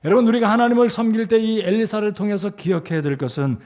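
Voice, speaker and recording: A pastor with a slightly high voice delivers an evening sermon into a microphone in a church sanctuary. He reads scripture in a steady cadence and jumps up sharply in pitch and force on the quoted commands. Between readings he turns to the congregation with questions and leads them in saying a verse together. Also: fast. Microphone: handheld or stand mic.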